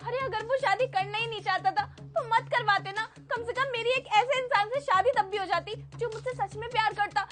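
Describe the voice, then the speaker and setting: A woman acting as a young wife in a family skit, accusing her husband loudly and emotionally. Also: extremely high pitch, fairly quick, few pauses, faint music behind. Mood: hurt, pleading.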